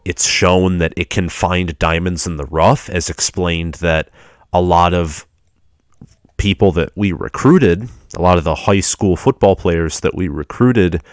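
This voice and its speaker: A young male sports vlogger with a low-pitched voice sounds stuffy and congested from a cold. Chatting as a fan about college football recruiting, he restarts his sentences often. The sound is clean studio quality with no echo.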